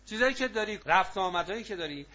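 Bright-voiced man preaching to a crowd. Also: sits high, highs cut off. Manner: lively, prompts audience to answer. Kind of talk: religious talk to a live audience.

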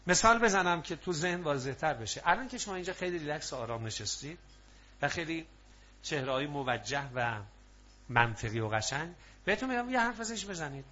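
Male preacher, fairly high and bright voice, lively call-and-response delivery, dull lo-fi sound. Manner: lively, prompts audience to answer. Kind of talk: religious talk to a live audience.

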